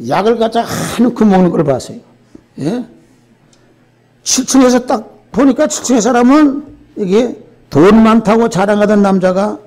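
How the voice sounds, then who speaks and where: An older man preaching a sermon as pastor, telling a story in an animated way and often checking in with the congregation. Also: sits high.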